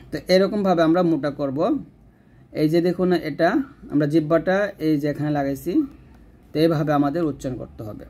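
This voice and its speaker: A man teaching Quran reading, explaining rules patiently and drawing out slow recited examples. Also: a little high, a little mellow. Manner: patient step-by-step explanation, asks and answers own questions.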